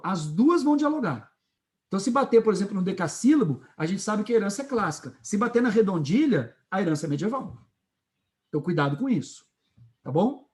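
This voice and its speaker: A man with a Brazilian Portuguese accent teaching a literature class, lively and checking in often with his students. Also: high voice. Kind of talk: classroom lecture.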